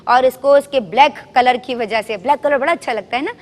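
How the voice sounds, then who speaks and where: A woman with a high, bright-pitched voice leads a group of children in call-and-response, asking questions and coaxing them to answer louder. Her voice carries a long reverb from a studio hall. She tells her stories in a gentle, coaxing tone. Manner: quizzes children and has them repeat answers loudly. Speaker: children's show host.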